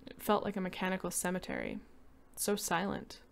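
Gravelly woman reading a story aloud. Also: fairly low pitch, wildly swooping pitch, fairly quick. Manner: voices each character, rising and loud for shouting children and panicked parents. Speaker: reader. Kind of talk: dramatic reading of a short story.

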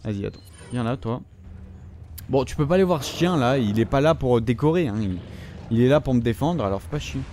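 A man's voice: mid-range voice, animated, fairly quick, a little mellow, a little hiss or hum. A young man with a French accent commentating his gameplay, swearing constantly and scolding the characters on screen. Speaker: gamer.

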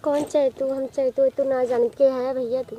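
A village woman, her voice extremely high. She scolds angrily and throws out insults. She is recorded outdoors, with loud noise all through the background. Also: flat delivery, measured pace. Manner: angry, hurls insults, scolding. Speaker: village woman, prank target.

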